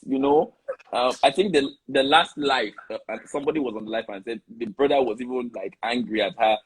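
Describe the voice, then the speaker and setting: A man hosting a casual live discussion, animated and often restarting his sentences. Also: medium pitch, fairly quick, breathy edge, low-quality recording. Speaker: host.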